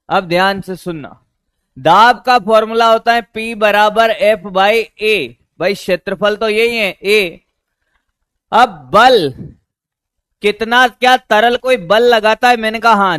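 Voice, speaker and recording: A man's voice: high-pitched, slow pace, fairly bright tone, clean tone, no room sound. A male physics teacher lecturing a class, repeating questions to his students and calling them "beta".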